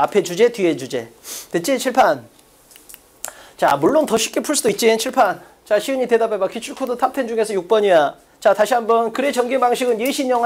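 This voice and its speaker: A woman lecturer with a fairly high voice leads an online exam-prep class, talking briskly, drilling her points, and firing off short check-questions. Between points she drifts into casual, chatty asides.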